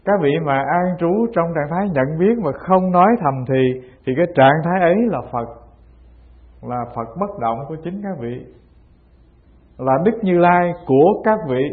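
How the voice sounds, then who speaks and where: A man, a Buddhist teacher giving a Zen dharma talk and acting out the dialogues of old masters as he tells their stories. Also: on the high side. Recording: tinny phone-like sound.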